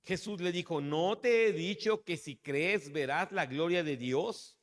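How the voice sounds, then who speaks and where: High-voiced male preacher in a reverberant hall. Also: measured pace. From Mexico. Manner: addresses listeners as brother. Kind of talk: sermon with scripture reading. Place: church hall.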